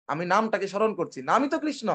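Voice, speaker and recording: High-pitched guy preaching, asks himself questions then answers, slow chanting bits. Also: very animated, a bit bright, slightly rough. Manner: chants mantras and recites verses slowly. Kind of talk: devotional sermon.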